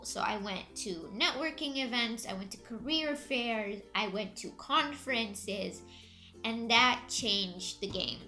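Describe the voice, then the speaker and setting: A woman's voice: fairly high pitch, pushed and bright. A woman in her twenties from Egypt, chatting casually and upbeat on her vlog and laughing often. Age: 20s. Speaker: YouTuber. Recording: music faintly behind.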